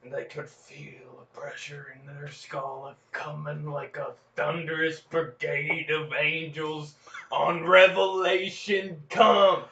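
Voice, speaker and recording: A man's voice: a little high, vocal fry, pushed and bright, slight background noise, exaggerated voice. A podcast host voicing a young frontier farm boy who spins a rambling tall tale in an exaggerated Old West drawl. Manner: folksy rambling yarn with gasps and exclamations. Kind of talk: comedic improvised storytelling. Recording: echoey, lo-fi, distant mic.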